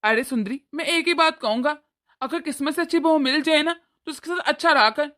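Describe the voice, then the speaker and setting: A woman doing an older cartoon father-in-law, calm and moralizing, with a high voice that stays bright and forward, patient and fatherly as he talks his wife through what went wrong. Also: a little fast. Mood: lecturing. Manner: lecturing, gentle moralizing. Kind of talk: cartoon voice acting.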